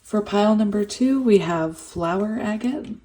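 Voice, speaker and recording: Recorded in low quality, a woman with a cold talks through a tarot reading in a hoarse, nearly gone voice. She has a medium pitch, a dark tone and a measured pace. She's chatty, laughs a lot between thoughts and trails off with fillers.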